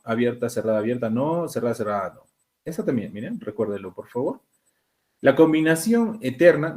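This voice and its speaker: A Peruvian man teaches an exam-prep class, walking students through questions. His voice leaps high on key words and swings widely in pitch. He slows right down to sound out each word. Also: darkish tone. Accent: Peruvian Spanish. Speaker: language teacher.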